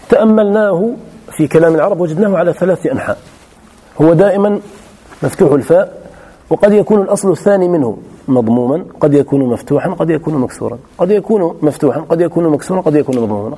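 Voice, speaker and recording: Husky man teaching a lesson. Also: a little high, mellow. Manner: explains step by step, repeats key phrases, sometimes restarts words. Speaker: teacher of Arabic morphology. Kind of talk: classroom lesson.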